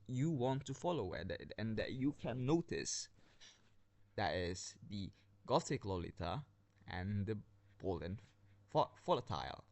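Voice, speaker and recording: A man's voice: lowish voice, creaky, no room sound. Breathless rambling young man, dry sound. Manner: rambling with many restarts, joking. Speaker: video game skin reviewer. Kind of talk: casual unscripted commentary. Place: under a blanket at home. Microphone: built-in device mic without headset.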